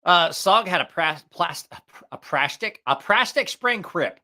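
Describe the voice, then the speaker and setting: A man's voice: high voice, expressive, unhurried, bright, forceful tone. A man hosting a casual, rambling livestream about gear, profane and jokey, drifting off on tangents, a bit short of breath from allergies. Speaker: livestream host reviewing knives.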